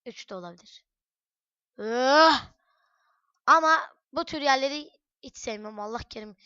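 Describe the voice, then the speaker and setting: Woman ranting thru a game on a headset mic, bright high voice, swears a lot and yells, kinda muffled dry sound. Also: a little slow, no echo. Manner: chatty, cursing, bursts into loud shouts. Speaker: gaming channel host. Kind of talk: let's-play commentary. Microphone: headset microphone.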